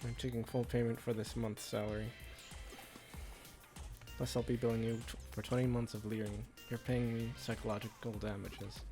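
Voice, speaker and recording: A man's voice: medium pitch, flat delivery, normal speed, over music, lightly acted. A man reading aloud the lines of a sassy, indignant young female cafe employee in a video game, in an accusatory manner.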